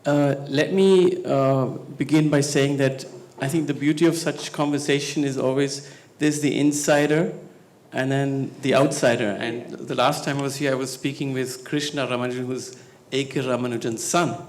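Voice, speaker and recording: A man from Spain, a scholar on a panel, speaking conversationally with many hesitations and growing more animated as he goes. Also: medium pitch, normal speed, hardly any pauses. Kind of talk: conversational talk on stage. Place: talk venue stage.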